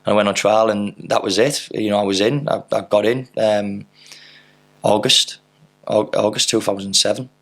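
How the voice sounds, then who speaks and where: A footballer in his thirties appears as a guest on a podcast, telling long, loose anecdotes in a casual interview with lots of fillers and the occasional swear word. His voice is low and gravelly, his delivery flat and even, and he speaks at a normal speed.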